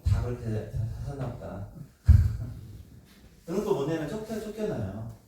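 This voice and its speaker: A middle-aged man preaching a sermon as pastor, animated, asking the congregation questions and acting out voices. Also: mid-range voice, a little slow, distant mic, noisy background. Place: church sanctuary. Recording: echoey church hall, speaker away from the mic.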